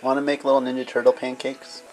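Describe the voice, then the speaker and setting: A young adult man with a medium-pitched, monotone and slightly mellow voice talks fast. Filming a home video in a kitchen on a handheld camera mic, he jokes and teases in casual, wisecracking banter as a vlogger.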